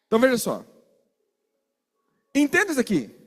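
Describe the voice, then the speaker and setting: A man preaching a sermon, animated, asking his listeners questions and acting out little exchanges. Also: extremely high pitch, moderate pace, slightly rough, long reverb tail. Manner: animated, asks the congregation questions and acts out quarrels.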